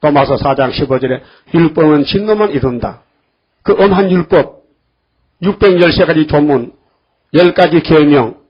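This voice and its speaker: An older man preaching a sermon in a church, lively and acting out the voices of the people he quotes. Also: on the high side, moderate pace, husky, dull audio. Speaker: pastor.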